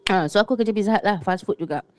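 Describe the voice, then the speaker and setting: A woman's voice: medium pitch, fast talker, no echo. A young woman from Singapore, casually telling a ghost story, mixing in English words and acting out what people said. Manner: lively, mixes English words, acts out quoted voices. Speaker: guest storyteller.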